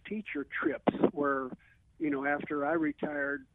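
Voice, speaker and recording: Very animated and pitched on the high side, this older American retired teacher speaks at a measured pace with vocal fry while phoning into a radio show. He rambles casually through memories with frequent "you know," and the tinny narrowband telephone audio carries no echo.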